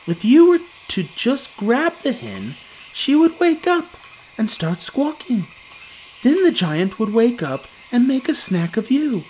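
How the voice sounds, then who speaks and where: A storyteller voicing a gentle, sweet-voiced magical golden harp with a female character in a children's story. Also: mid-range voice, big pitch swings, takes it slowly, a little hiss or hum, pitched above the performer's own voice, poor audio. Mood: pleading.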